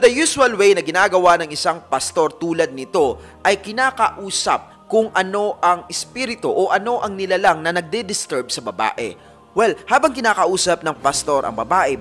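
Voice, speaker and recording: A man's voice: high-pitched, bright, forceful tone. A man narrating a supernatural tale and speaking directly to his listeners as a group. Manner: addresses listeners as a fan group, dramatic retelling. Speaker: narrator of a paranormal story channel. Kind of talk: storytelling narration.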